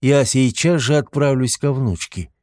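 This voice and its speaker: A man's voice: mid-range voice, unhurried, a little mellow, no echo, clean studio sound, pitched above the performer's own voice, natural voice. A man reading an audiobook, voicing a careful, dutiful woman ally. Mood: obliging.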